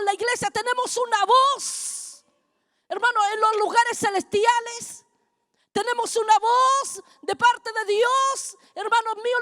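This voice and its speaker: Lady preaching, super high voice, gets loud and fiery, keeps saying brother. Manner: fervent, builds to shouting, addresses "hermano". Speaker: apostle preaching at a congress. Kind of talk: sermon.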